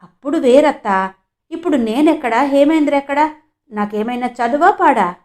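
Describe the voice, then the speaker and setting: A woman's voice: high-pitched, lively intonation, moderate pace, darkish tone, pitched above the performer's own voice. A woman voicing a young village man who talks in a raised, emphatic, pleading way in a storybook reading. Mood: consoling.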